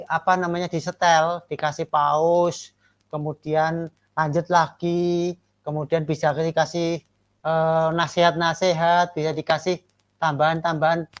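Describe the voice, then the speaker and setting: A man lecturing trainee teachers and giving them feedback. He keeps asking for agreement and slows down to stress key words. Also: on the high side.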